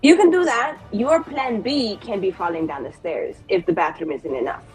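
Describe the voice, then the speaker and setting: A woman with a mid-range voice speaks at a moderate pace while playing a tabletop roleplaying game, improvising in character in a playful, informal way. Music plays in the background.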